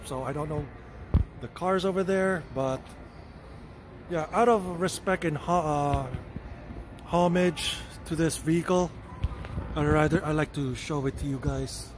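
A man's voice: fairly high pitch, noisy background. A man, walking through a car museum and talking casually to camera, rambling and correcting himself as he goes. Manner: chatty, rambling, self-correcting, hedges often. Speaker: vlogger touring a car museum. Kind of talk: casual walkthrough narration. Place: indoor car museum hall.

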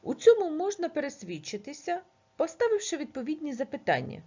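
A woman teacher reading a grammar lesson aloud, measured and slow over the example sentences. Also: high-pitched, huge pitch swings, dark tone, lo-fi sound.

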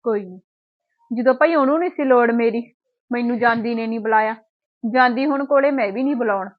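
An actress playing a resentful, sarcastic sister-in-law in a Punjabi short film, grumbling with a Punjabi accent. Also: female voice, fairly high pitch, fairly quick, phone-quality sound, close to an everyday voice. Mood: muttering. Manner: grumbling to herself, sarcastic, needling. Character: resentful village sister-in-law, sharp-tongued. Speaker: actor.

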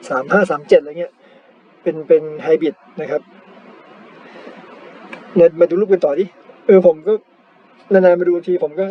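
A man from Thailand chatting casually as a cycling vlogger, self-mocking and full of polite particles. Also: on the high side. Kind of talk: casual chat over screen photos. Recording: slightly dull, lo-fi sound.

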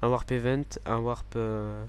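Man gamer at mid pitch, casual play commentary, relaxed and halting, lots of filler pauses. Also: clean tone. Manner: hesitant, many fillers and restarts, laid-back. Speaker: gamer, server owner.

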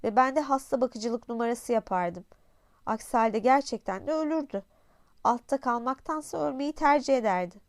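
A woman voicing a small, gentle boy prince who is curious and lonely, in polite, wondering tones. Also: fairly high pitch, normal speed, dry recording, clean studio sound, close to an everyday voice. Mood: wistful. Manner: polite, wondering, soft-spoken. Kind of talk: audiobook character voice.

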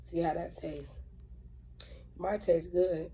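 A woman's voice: lowish voice, fairly even intonation, takes it slowly, mellow, low-quality recording. Woman, casual eating vlog, blunt and cussing, faint hiss behind. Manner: blunt, profane, rambling. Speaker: mukbang vlogger. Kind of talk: casual chat while eating on camera.

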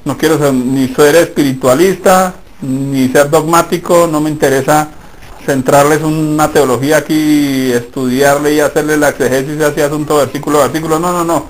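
A male pastor preaching a sermon in church, emphatic and addressing the congregation directly, moving between loud and hushed. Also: on the high side, steady tone, normal speed, poor audio.

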